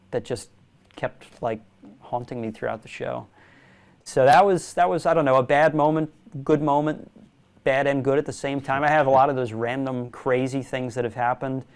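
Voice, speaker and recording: A young man, a magician guest in a casual interview, telling animated stories and laughing often. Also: mid-range voice, clear, resonant tone. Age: young adult.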